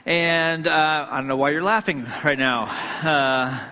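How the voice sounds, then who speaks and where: A man's voice: a little high, fairly even intonation, measured pace, pushed and bright. A man who grew up in Hong Kong, preaching to a congregation as a pastor. He tells a story conversationally, with frequent fillers, restarts and self-deprecating humor. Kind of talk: sermon storytelling. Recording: long reverb in a hall.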